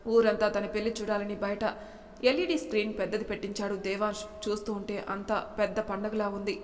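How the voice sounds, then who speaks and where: A woman tells a drama story in a steady storybook narration. Her voice sits at a middle pitch, and each phrase trails off into a long reverb. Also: fairly quick, a little hiss or hum.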